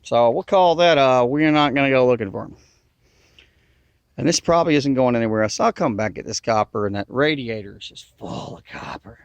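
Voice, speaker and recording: A man's voice: medium pitch, no echo. A man with a Southern US accent and a nasal twang, chatting in a folksy drawl to the camera outdoors. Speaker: outdoor video maker. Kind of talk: casual chat to camera. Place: outdoors in river bottoms.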